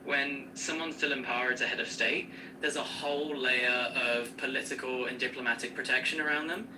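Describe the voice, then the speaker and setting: A man's voice serving as an AI co-host, answering questions in a smooth, upbeat, explanatory way with casual slang. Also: mid-range voice, steady tone, a little fast, recorded from a distance, background noise. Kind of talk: conversational Q&A co-hosting.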